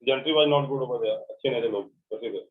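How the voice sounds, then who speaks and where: A man's voice: medium pitch, brisk, a little hiss or hum. A man teaching an English grammar class with an Indian English accent, explaining by repeating points and checking that students understand. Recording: tinny phone-like recording.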